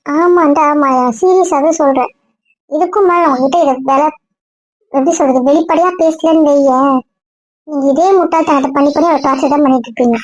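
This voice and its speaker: A woman's voice: sits high, steady tone, no room sound, highs cut off, close to an everyday voice. A woman playing a blunt, scolding young friend. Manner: sharp, lecturing, rapid-fire. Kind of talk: web drama acting.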